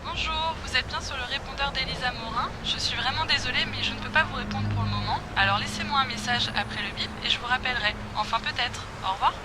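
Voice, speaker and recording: Actress doing a voicemail greeting, high and quick, breezy young woman, distant noisy playback. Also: over a noisy crowd. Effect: recorded voicemail greeting played back.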